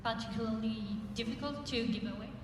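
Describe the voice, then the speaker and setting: A woman's voice: a little high, a little fast. A woman fan asking a question at a convention panel, hesitant, with many fillers. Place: large indoor convention hall. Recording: echoey hall audio from far off with noise.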